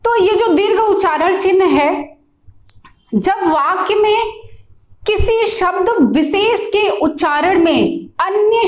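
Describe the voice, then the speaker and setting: A woman teaching a grammar lesson, patiently explaining with examples and often pausing to check that you follow. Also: extremely high pitch, echoey room. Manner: patient, repeats points, often checks with "theek hai".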